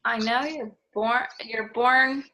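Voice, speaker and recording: A woman's voice: fairly high pitch, steady tone, takes it slowly, background noise. A young woman from Idaho, a student chatting casually on a video call, full of fillers. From Idaho, USA. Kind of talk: casual group discussion.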